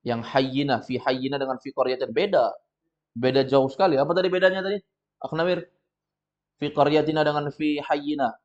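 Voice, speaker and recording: A man with an Indonesian accent teaching a classroom lesson, patiently correcting students step by step and reading sentences out slowly. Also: on the high side, steady tone. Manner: reads sentences out slowly and loudly. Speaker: Arabic teacher. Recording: dull lo-fi recording.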